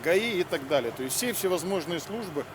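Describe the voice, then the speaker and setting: A man speaking as a fire service official in an interview, halting and formal, with many filler words. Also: high voice, animated. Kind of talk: interview explanation of a drill. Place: outdoors near fire vehicles. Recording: outdoor recording with vehicle noise.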